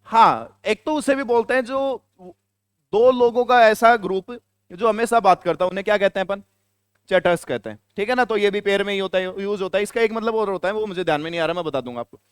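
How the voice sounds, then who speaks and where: High, clear-voiced male teacher. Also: quick pace, dry recording, studio quality. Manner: questions the students and answers himself, repeating key words. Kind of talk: classroom lecture.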